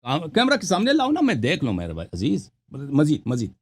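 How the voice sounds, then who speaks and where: A man's voice: a little high, wildly swooping pitch, husky. A man hosting a heated call-in debate, insistent and repeating his demands while talking over the caller. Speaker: host.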